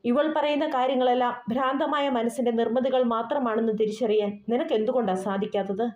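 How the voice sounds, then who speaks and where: A woman's voice: on the high side, steady tone, quick pace, lightly acted. A woman voicing a wounded young woman who speaks with bitter resignation, in an audio novel. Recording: roomy dull recording with soft music.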